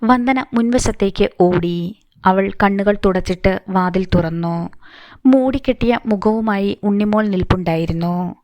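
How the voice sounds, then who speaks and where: A woman narrating a dramatic novel in a steady storytelling manner. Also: mid-range voice, measured pace, no echo. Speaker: audiobook narrator.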